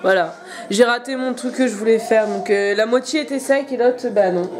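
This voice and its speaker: A woman's voice: a little high, moderate pace, over music. A young woman chatting casually and hesitantly to her handheld camera at home, rambling as a vlogger. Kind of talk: casual vlog chat. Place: at home indoors.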